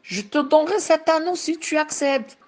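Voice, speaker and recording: A woman voicing a frightened, tender young woman condemned to die, reading her lines slowly and carefully. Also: high voice, expressive, a little mellow, pitched above the performer's own voice. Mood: pleading. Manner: slow, careful reading aloud.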